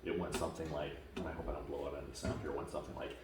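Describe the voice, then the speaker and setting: A man from Washington state gives a camp testimonial as casual, halting storytelling with many fillers, growing lively as he retells events. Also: a bass voice. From Washington state, USA. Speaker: camp attendee giving a testimonial. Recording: very echoey, distant mic, faint noise.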